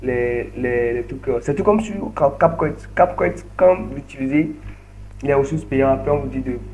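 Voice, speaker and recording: A man's voice: medium pitch, normal speed, a little mellow, a little hiss or hum. A man leading an online training session, narrating each click step by step and often repeating words over a video call. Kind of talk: screen-share tutorial.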